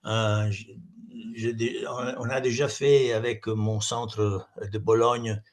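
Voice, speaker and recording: Slow, deep-voiced man with Italian-accented French. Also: flat delivery. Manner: halting, searching for words, repeats words. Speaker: invited academic speaker. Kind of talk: semi-improvised academic talk.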